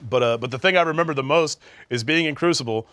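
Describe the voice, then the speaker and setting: A man's voice: fairly high pitch, fast, fairly bright tone, smooth, no echo. A young man co-hosting a casual gaming podcast, explaining at length with many fillers. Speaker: podcast co-host.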